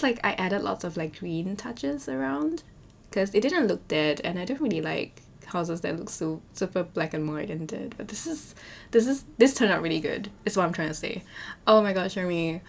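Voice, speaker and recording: A young woman with a hoarse voice, chatting and rambling as a voiceover for her game building video, full of fillers and restarts. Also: lowish voice. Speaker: Sims speed-build YouTuber.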